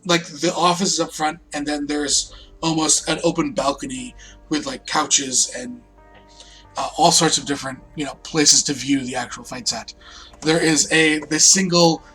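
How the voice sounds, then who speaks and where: A man running a tabletop game as game master, improvising descriptions in a casual, halting way. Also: on the high side, fairly even intonation, pushed and bright, faint music behind, poor audio.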